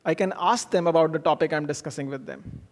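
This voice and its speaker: A man's voice: a little high, fast. A man speaks. He delivers an informal motivational talk in an earnest, explanatory way. He shares personal anecdotes and often asks a question before answering it himself. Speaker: speaker giving a self-improvement talk.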